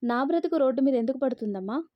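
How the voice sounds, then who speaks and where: A woman's voice: sits high, lively intonation, fast, no room sound, lo-fi sound. A woman voicing a hurt, resentful grown daughter pleading with her mother.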